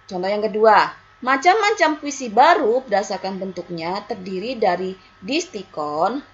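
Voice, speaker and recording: A woman's voice: medium pitch, moderate pace, dull audio. A woman teaching a school language lesson, explaining to her students and asking them questions as she goes. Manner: lively, with rising questions and repeated "ya".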